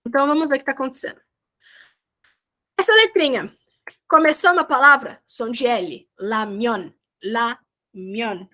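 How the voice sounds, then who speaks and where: A young woman teaches an online class over a video call, chatty and encouraging, drawing out example words slowly. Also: on the high side, bright, forceful tone. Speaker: language teacher.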